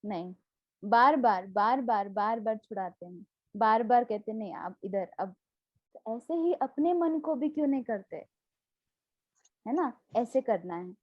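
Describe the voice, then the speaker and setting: A woman's voice: on the high side, animated, measured pace, long pauses, no room sound, dull audio. A woman spiritual teacher giving a devotional class, explaining with homely examples and asking her listeners questions.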